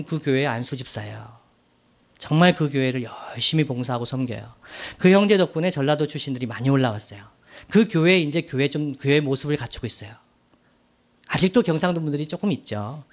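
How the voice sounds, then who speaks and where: Casting note: male pastor with a high, bright voice, delivering an earnest sermon with slow, weighty emphasis. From Daegu, South Korea. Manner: earnest, slow emphatic phrasing with rhetorical questions to the congregation.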